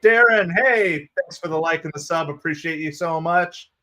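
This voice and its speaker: A man with a New Jersey accent calls a ballgame live for his fan stream from a home green-screen setup. His voice sits a little high, and he jumps between play-by-play and thanking viewers by name. His delivery is casual and excitable. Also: normal speed. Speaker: livestream host.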